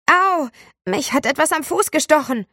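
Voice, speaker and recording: Teen boy hamming up an injury, shrill and loud, read by a woman. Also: unhurried, no room sound, clean studio sound. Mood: wailing. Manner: loud, exaggerated wailing. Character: teenage boy faking pain, dramatic.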